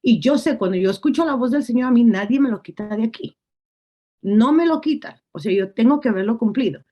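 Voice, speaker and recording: High-voiced woman preaching a testimony. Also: lively intonation, fairly quick, warm tone. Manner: storytelling, acting out quotes, repetitive. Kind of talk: testimony sermon.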